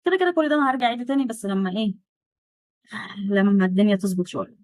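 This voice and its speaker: An Egyptian woman teaching a German lesson, chatty with sarcastic asides, repeating words slowly to drill pronunciation. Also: medium pitch, animated, darkish tone, no room sound, low-quality recording. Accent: Egyptian Arabic. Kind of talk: online language lesson.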